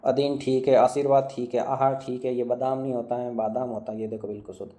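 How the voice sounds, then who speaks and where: A man teaching a grammar lesson in a very dark, heavy voice. He keeps a flat, even tone as he runs down word lists, asks a short question and answers it himself. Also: mid-range voice. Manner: drilling students with quick questions and answers, repeating words. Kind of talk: online exam-prep lesson.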